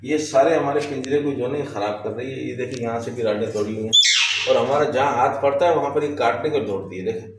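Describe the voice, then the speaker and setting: A man's voice: mid-range voice, fast talker. Echoey distant man coaxing his birds. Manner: coaxing and scolding his birds, pointing things out. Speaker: vlogger. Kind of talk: casual vlog talk to viewers and pet birds. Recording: very echoey, distant from the mic, noisy.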